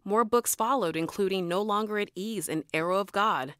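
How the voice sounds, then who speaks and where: A woman's voice: mid-range voice, moderate pace, a bit bright, no echo. A woman reading scripted narration for a television profile. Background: music.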